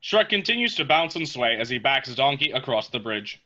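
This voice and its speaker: A man's voice: medium pitch, big pitch swings, normal speed, pushed and bright, highs cut off. A man reading stage directions as scripted narration between the characters' lines.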